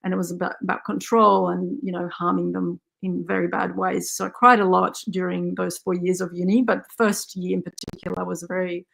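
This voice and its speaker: A woman from Poland speaks in a gravelly, fry-tinged voice. She talks candidly as a guest in a casual interview, laughing as she goes. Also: on the low side, flat delivery, brisk, hardly any pauses, fairly bright tone. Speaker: guest soil scientist.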